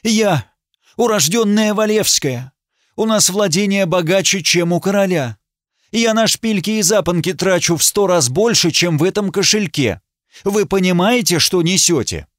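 A man reading an audiobook, voicing a young noble lady who cries out in high, shrill protest. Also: drawn-out words, no room sound, clean studio sound, exaggerated voice. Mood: indignant.

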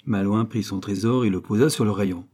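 A man reads a short story aloud as an audiobook narrator, measured and steady. His voice is dark and mellow, with a husky grain. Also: fairly low pitch.

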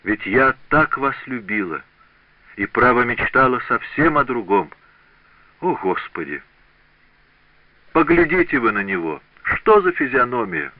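A man voicing a lively, mocking young woman in an audiobook. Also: medium pitch, measured pace, long pauses, no echo, narrow, tinny audio, pitched above the performer's own voice. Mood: teasing. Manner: laughing, teasing speech.

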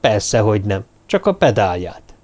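Brief: grumbling, tired cop, read by a male narrator in his own voice, lively intonation. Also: fairly low pitch. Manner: sighing, grumbling. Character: grumpy, weary police lieutenant.

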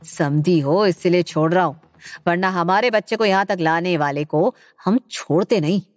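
A woman voicing a playful middle-aged uncle with a low, gruff, teasing way of talking. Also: moderate pace, dry recording, lightly acted. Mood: teasing threat.

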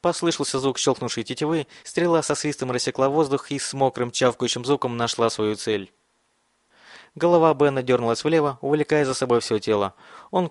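A man reads an audiobook in a measured, dramatic way. His voice sits at a middle pitch for a man. The recording is dry and close, with no room sound. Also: no echo. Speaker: narrator. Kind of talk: audiobook reading.

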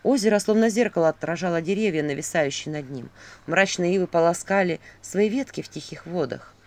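An audiobook narrator reading a fairy tale with expressive storytelling. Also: medium pitch, fairly quick.

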